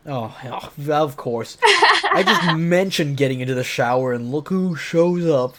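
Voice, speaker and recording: Reading a visual novel for his stream, a man speaks slowly in a slightly high, somewhat bright voice with big pitch swings. He shifts between dramatic narration and playful, joking commentary.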